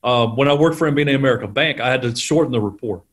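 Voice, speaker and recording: A middle-aged man, a guest on an interview show, telling animated stories about selling and laughing often. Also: medium pitch, rapid-fire. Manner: animated storyteller, acts out quotes, laughs often. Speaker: guest, sales trainer. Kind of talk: conversational storytelling interview.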